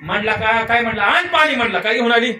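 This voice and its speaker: High-voiced man preaching a playful kirtan. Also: steady tone, fast talker. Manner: playful, teasing the audience with questions. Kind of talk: devotional kirtan sermon with storytelling. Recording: echoey and distant, live hall with music.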